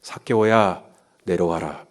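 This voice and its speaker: A male pastor voicing a gentle, comforting man in a soft, hushed, tender tone during a sermon. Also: sits low, unhurried, voice pushed down.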